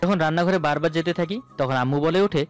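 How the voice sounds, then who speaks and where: Over background music, a narrator of romantic audio stories tells a scripted first-person tale. He speaks fast, with a voice that sits a little high.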